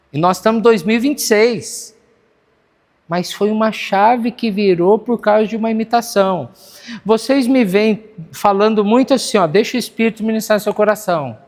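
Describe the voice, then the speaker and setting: A man with a Brazilian accent preaching a sermon in a church, earnest and conversational, often checking in with his listeners. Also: high-pitched. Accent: Brazilian Portuguese. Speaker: pastor. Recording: church hall with long reverb.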